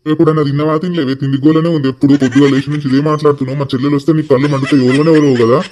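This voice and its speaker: Man doing a fed-up village husband, rattles it off flat. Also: on the high side, racing, background noise, lightly acted. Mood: exasperated. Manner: scolding, exasperated. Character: exasperated village husband caught between wife and sister.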